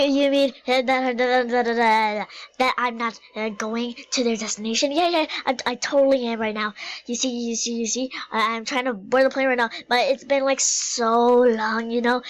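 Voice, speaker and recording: A woman's voice: on the high side, a bit bright, poor audio. A woman voicing a clueless coyote pilot in an amateur animal skit, rambling and stammering through filler words.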